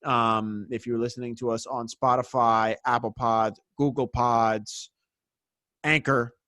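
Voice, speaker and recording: A man's voice: medium pitch, flat delivery, measured pace, sharp tone, no room sound. Laid-back young man co-hosting a sports podcast. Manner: laid-back, swears casually, wraps up the show. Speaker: podcast co-host. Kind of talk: casual sports podcast chat.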